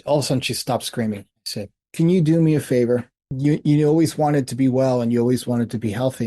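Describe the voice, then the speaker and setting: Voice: medium pitch, mellow. An ADHD coach talking as a guest on a podcast, emphatic, repeating key phrases and laughing often. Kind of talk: conversational podcast interview.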